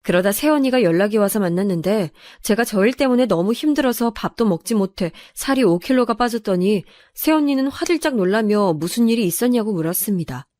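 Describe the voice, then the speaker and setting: A woman's voice: medium pitch, expressive, brisk, hardly any pauses, a little mellow, no room sound, studio quality. A woman narrating a true first-person family story, in an aggrieved, confiding manner.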